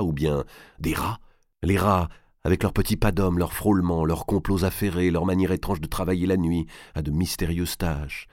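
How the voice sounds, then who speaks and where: Male audiobook narrator, deep voice, dry close recording. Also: a little mellow, dry recording. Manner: measured, dramatic reading. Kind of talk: scripted narration of a historical novel.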